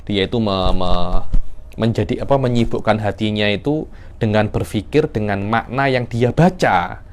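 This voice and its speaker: Man, religious teacher, animated classroom lecture with sudden pitch jumps. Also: normal speed, slight background noise. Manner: animated, acts out verse intonation with sudden pitch leaps. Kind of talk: classroom lecture on Quran recitation.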